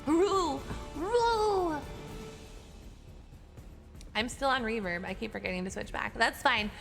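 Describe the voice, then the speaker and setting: A woman's voice: high-pitched, unhurried, gravelly, fairly bright tone, faint music behind. A woman announcing a dice battle in chatty, playful commentary, with a cave-like reverb effect on her voice. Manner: chatty and self-mocking, laughs at her own jokes. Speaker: arena announcer and game master.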